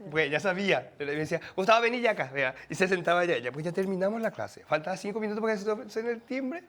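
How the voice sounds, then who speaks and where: Paraguayan man, high voice, animated storyteller who slips into impressions, TV guest. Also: fast. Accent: Paraguayan Spanish. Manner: animated, laughing, mimics voices. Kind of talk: casual storytelling.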